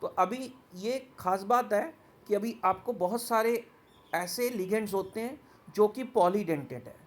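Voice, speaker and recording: A man teaching a chemistry lesson, reading English points from slides and then explaining them in Hindi, often asking the class quick questions. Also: sits high.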